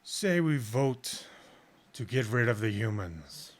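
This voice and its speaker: A colossal, imperious male gold dragon, put on by a man running a tabletop game. He speaks in a slow, grand way and draws his words out. His pitch sits in an ordinary middle range. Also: animated.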